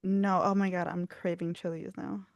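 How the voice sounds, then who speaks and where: A young woman co-hosting a casual podcast, telling animated stories, swearing freely and laughing often. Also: lowish voice, moderate pace, no echo, dull audio. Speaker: podcast co-host. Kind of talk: casual chat.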